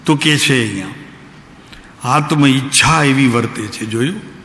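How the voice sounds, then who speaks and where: Male spiritual teacher, mid-pitched, steady unhurried sermon delivery, long reverb of a hall, light hiss behind. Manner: asks listeners direct questions. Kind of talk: devotional discourse. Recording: echoey hall, faint background noise.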